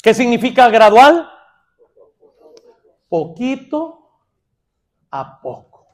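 A man preaches to his congregation. He talks playfully, going from loud, emphatic lines to quiet, confiding asides. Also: very high-pitched, very animated, drawn-out words. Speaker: pastor. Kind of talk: sermon.

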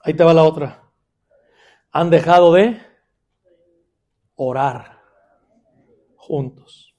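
A male pastor preaching a sermon, moving between loud, emphatic points and quiet, joking asides. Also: on the high side, takes it slowly.

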